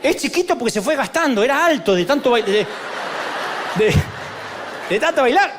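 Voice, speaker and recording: A middle-aged man with an Argentine accent delivers a humorous sermon to a live congregation. His voice sits high for a man and leaps across a wide pitch range as he mimics churchgoers and jokes with the crowd. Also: very animated, normal speed, a little hiss or hum. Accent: Argentine Spanish. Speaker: preacher.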